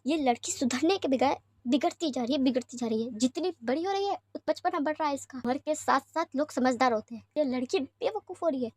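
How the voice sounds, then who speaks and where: A woman's voice: sits high, lively intonation, brisk, hardly any pauses, darkish tone, dry recording. A woman reading a story aloud, voicing a stern mother who nags and scolds her children in an exasperated tone. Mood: scolding.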